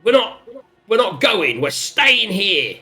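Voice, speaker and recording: A man's voice: high-pitched, very animated, takes it slowly, pushed and bright, soft background music, pitched above the performer's own voice, heavily acted. A man voicing a disgruntled, stubborn lizardfolk grunt, defiant and indignant, in a tabletop game. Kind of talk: role-play in a tabletop game.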